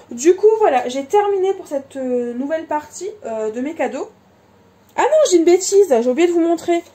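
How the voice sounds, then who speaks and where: Showing her craft supplies in an easygoing vlog, a woman speaks in a warm voice that sits high. She's talkative and frequently stumbles into fillers or corrects what she just said.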